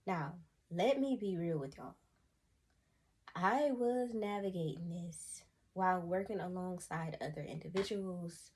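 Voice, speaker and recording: A woman's voice: on the low side, darkish tone, slightly rough. A young adult woman from the United States giving an emotional personal testimony to camera, earnest, sighing often and calling her viewers y'all. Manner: earnest, addresses viewers as y'all, frequent sighs.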